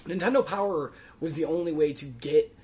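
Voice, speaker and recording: A man's voice: a little high, brisk, darkish tone. Chatty laughing man hosting a podcast. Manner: chatty, swears freely, laughs often. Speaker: podcast host. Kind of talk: casual podcast chat.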